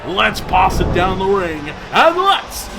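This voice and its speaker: A man playing an excitable pro wrestling commentator, calling the show in a dramatic broadcast manner. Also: sits high, slow, vocal fry, background noise, heavily acted. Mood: excited, hyped. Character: excitable male pro wrestling play-by-play announcer.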